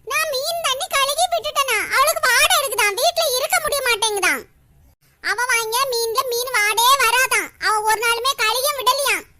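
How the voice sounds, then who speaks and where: A woman voicing a loud, sharp-tongued village woman in a cartoon, scolding and sarcastic. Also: very high voice, slight background noise. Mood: complaining. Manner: scolding, sarcastic, rapid complaints. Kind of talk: animated cartoon voice acting.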